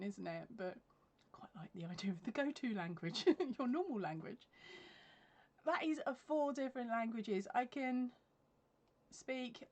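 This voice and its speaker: An Englishwoman with a slightly high, darkish voice chats casually on a crochet livestream, reading comments, laughing often and filling pauses with ums. She's in her craft room at home among shelves of yarn, picked up by the webcam at her desk.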